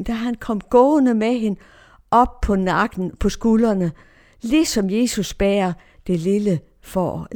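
A woman's voice: mid-range voice, a little mellow. A woman giving a personal faith testimony in an emotional way, her tone swinging widely.

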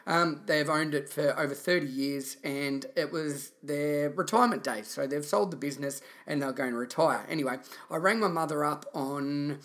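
A man's voice: fairly high pitch, moderate pace, fairly bright tone. An Australian man in his thirties hosting a podcast, telling a personal story in an informal, earnest, reflective way. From country Victoria, Australia. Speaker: podcast host.

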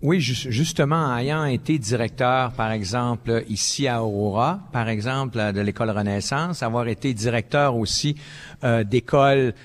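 An older man from Quebec with a Québécois accent, answering as a panelist in a halting way, with many fillers and frequent "ok"s. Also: mid-range voice. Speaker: panelist, former school principal.

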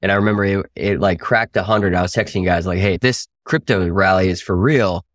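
A man in a casual investing discussion, calmly explaining his reasoning about trades. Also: sits low, brisk, dry recording, clean studio sound.

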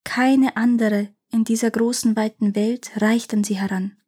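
A woman voicing a proud male parrot king in a storybook reading, talking high and quick. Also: steady tone, dark tone, husky. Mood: eager.

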